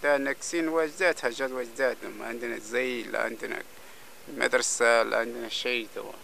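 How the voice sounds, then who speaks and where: A middle-aged man with a Libyan Arabic accent speaks in a gravelly, bright voice. His complaints come slow and halting. He was recorded outdoors beside a mud wall on a close camera mic, with faint noise behind him. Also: medium pitch, fairly even intonation. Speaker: local resident. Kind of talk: street interview. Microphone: handheld camera at close range.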